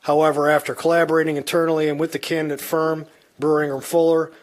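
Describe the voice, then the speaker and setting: A man's voice: fairly high pitch, flat delivery, quick pace. A man on town staff reading a prepared, formal report to a board. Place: public meeting room.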